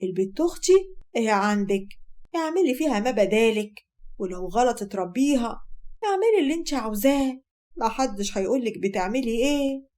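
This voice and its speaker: A woman's voice: a little high, expressive, fairly quick, darkish tone, close to an everyday voice. A woman voicing a young Egyptian woman's harsh, dismissive sister in a told story.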